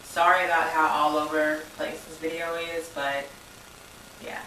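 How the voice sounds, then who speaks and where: A woman's voice: deep voice, little pitch movement, moderate pace, far from the mic, heavy background noise. Echoey twenty-something woman vlogging. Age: 20s. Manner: rambling, informal, says y'all. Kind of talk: casual personal vlog. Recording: echoey room, voice a bit off mic.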